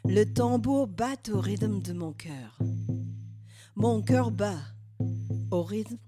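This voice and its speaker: Slow, hushed woman narrating a meditative journey. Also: medium pitch, lively intonation. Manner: slow, hushed, dropping at times into a whisper. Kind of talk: first-person guided meditative journey. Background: faint music.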